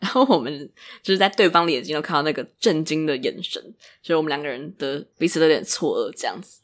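A woman's voice: sits low, quick pace. A young woman in her twenties with a Taiwanese Mandarin accent, telling stories in a casual solo podcast and mimicking the people she quotes. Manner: animated, mimics other people's voices in quotes. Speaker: podcast host.

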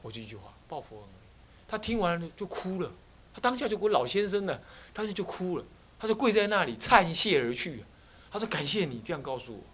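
A Buddhist abbot with a Taiwanese Mandarin accent gives a sermon lecture to a class of students in a teaching room, telling stories and asking many rhetorical questions. His high voice is brisk and fairly bright, with lively intonation.

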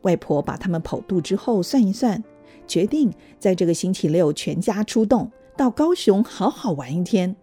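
A woman reading a children's story aloud in a gentle, even manner. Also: medium pitch, normal speed, husky, faint music behind. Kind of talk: scripted storybook narration.

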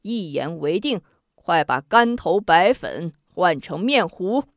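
A woman storyteller voicing a shrewd, lively male emperor who speaks in a commanding yet amused way. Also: on the low side, takes it slowly, dry recording. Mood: regal, amused.

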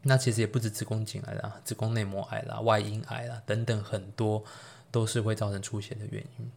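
A man with a somewhat low voice and a Taiwanese Mandarin accent talks as a doctor on his own podcast. He explains medical causes in a relaxed, chatty way and keeps slipping in jokes and playful asides. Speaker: doctor hosting a health podcast. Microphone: solo podcast recording.

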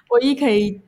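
A woman's voice: high-pitched, dark tone, breathy edge. A young woman with a Taiwanese accent, talking casually and candidly as she explains her own experiences. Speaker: guest recounting past jobs. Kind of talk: casual conversational storytelling.

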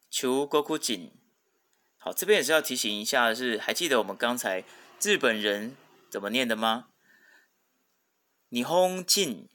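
A male teacher, talking at an unhurried, measured pace. His tone is bright and forward, and he patiently goes through vocabulary, repeating every term twice and filling pauses with short affirmations. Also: mid-range voice. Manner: patient, repeats each word twice, frequent "hao" fillers. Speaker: Japanese language teacher. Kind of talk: podcast vocabulary lesson.

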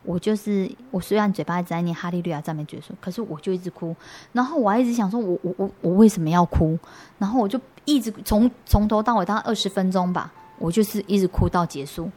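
A young adult woman, an interview guest giving an earnest personal faith testimony, halting and restarting her sentences often. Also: mid-range voice, warm tone, faint music behind.

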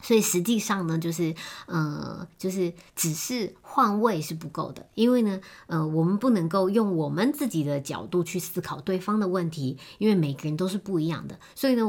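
A woman giving a gentle, explanatory self-help talk on relationships, with many fillers and soft trailing endings. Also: fairly low pitch, gravelly. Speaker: speaker on relationships.

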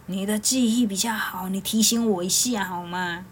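A woman voicing a clumsy, excitable boy hero who cries easily, talking fast and pleading. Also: mid-range voice, slight background noise, natural voice. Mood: boastful, flustered.

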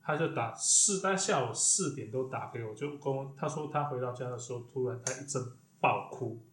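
A man, a diviner hosting a podcast, telling a story in an animated, casual way. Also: medium pitch, a little fast, roomy sound. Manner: animated, lively retelling with quoted exclamations.

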